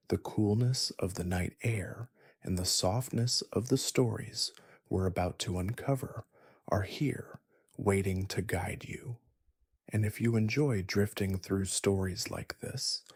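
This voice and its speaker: Soft, whispery, low-creaking man narrating for sleep. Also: no room sound, studio quality. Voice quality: breathy, husky, partly whispered. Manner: slow, gentle, soothing delivery.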